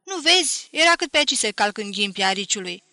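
A frank young woman speaks earnestly and to the point, voiced by a woman reading a novel aloud. The tone is bright and forward, and the sound is dry and close. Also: high voice, expressive, no room sound, pitched above the performer's own voice. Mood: startled. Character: young woman Valentina, frank and gently probing.

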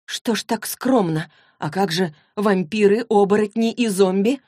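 Audiobook character voice, woman doing a teenage girl, stubborn, sharp-tongued, emphatic, dry recording. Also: unhurried, dry recording, close to an everyday voice. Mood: sarcastic, defiant. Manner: pitched higher than the narration, emphatic.

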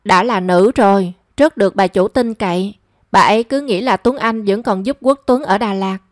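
A woman's voice: mid-range voice, moderate pace, dry recording, clean studio sound, lightly acted. A woman voicing a remorseful young woman who pleads with her family. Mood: anxious. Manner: pleading and emotional. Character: young daughter, remorseful and anxious.

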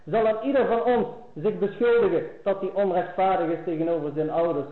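A man's voice: high-pitched, fairly quick. A man giving an earnest Islamic lecture to his brothers and sisters, rising in force on key phrases. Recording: echoey phone-like lo-fi recording.

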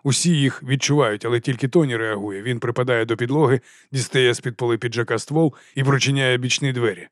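A man narrating an audiobook in an even, measured way. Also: mid-range voice, no room sound, studio quality.

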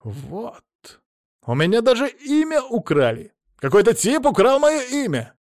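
A man's voice: a little high, very animated, normal speed, no echo, clean studio sound, voice pushed up. A male reader voicing a brash, cocky young man who talks back defiantly. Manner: defiant, mocking, insistent.

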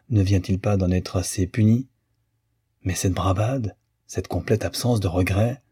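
A man's voice: low-pitched, mellow, slightly rough, no room sound, clean studio sound. A man voicing a stern, wrathful older male lawyer who hammers out his indignant words.

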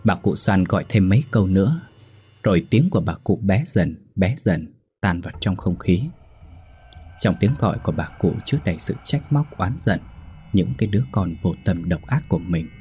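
A man narrating a ghost story in a steady, suspenseful way. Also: sits low, normal speed, breathy edge.

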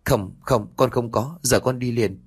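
A man's voice: medium pitch, unhurried, breathy edge. A man voicing a timid young servant girl who speaks deferentially and gets flustered. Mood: meek.

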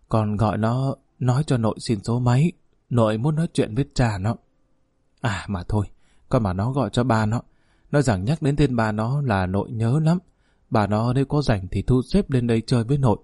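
A man's voice: mid-range voice, husky, no room sound, clean studio sound. A man reading a dying old police chief. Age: older. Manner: warm, reminiscing and fatherly.

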